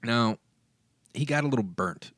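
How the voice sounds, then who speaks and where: A man's voice: mid-range voice, expressive, measured pace, fairly bright tone, no echo. A man co-hosting a casual podcast, telling a story in an easygoing way with dry humor. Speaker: podcast co-host.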